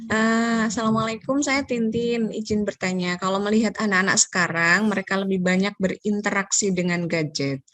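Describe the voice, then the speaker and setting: A woman's voice: mid-range voice, steady tone, normal speed, few pauses, fairly bright tone, no room sound. Woman moderator on a video call, polite, hesitant fillers, dry close sound. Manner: polite, reads out questions, filler-heavy. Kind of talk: moderating an online Q&A.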